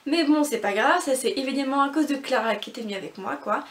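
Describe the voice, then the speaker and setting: A woman's voice: high-pitched, quick pace. A young woman chatting casually through a book haul vlog, rambling with lots of fillers. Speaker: book vlogger. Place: bedroom with bookshelf and mirror. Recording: echoey room, from far off the mic.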